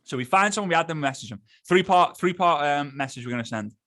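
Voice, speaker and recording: A man giving a motivational coaching talk, animated, repeating himself and acting out quick examples. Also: fairly high pitch. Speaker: social media coach.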